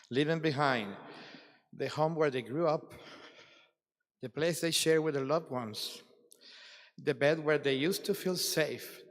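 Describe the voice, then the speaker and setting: A man giving a formal, reflective address at a conference closing ceremony, with deliberate dramatic pauses. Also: mid-range voice. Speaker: ceremony speaker. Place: large hall at a ceremony. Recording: long reverb of a large hall.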